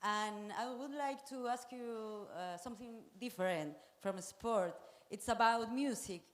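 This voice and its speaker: A woman journalist from Chile asking a press conference question carefully and deliberately. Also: on the high side.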